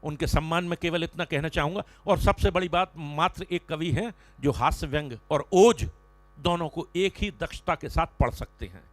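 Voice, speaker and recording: A slightly high male voice, dry and close to the mic, introducing a poet in formal, declamatory tones. He moves easily from praise into recited verse. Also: normal speed, no echo. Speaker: emcee of a poetry gathering.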